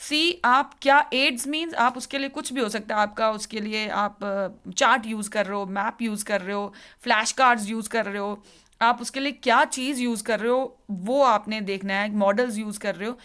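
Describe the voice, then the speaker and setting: A woman teacher educator giving a lecture on lesson planning, explaining step by step in a mix of Hindi and English with frequent pauses. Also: fairly high pitch, fairly even intonation, bright, forceful tone, clear, resonant tone. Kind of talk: classroom lecture.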